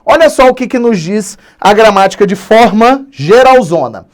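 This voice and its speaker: The speaker is a Brazilian Portuguese teacher, male and high-voiced, leading a grammar lesson online. He's animated and slows down to stretch key words for emphasis.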